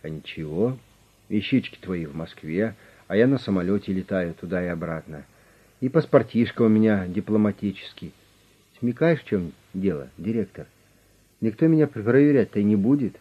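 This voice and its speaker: A man voicing a calm but pushy male negotiator with an official manner who talks steadily and insistently. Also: lowish voice, moderate pace, slightly rough. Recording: dull lo-fi recording.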